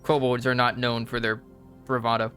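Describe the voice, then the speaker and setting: A man narrating a tabletop role-playing game as game master, improvising in halting pieces. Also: mid-range voice, flat delivery, bright, forceful tone. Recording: music behind the voice.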